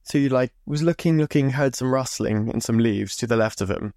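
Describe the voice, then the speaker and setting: This podcast host, a young man from Zimbabwe, tells stories loosely and casually, swearing freely as he talks into a close mic. His medium-pitched voice is a little mellow, his pace brisk, and the recording has no room sound.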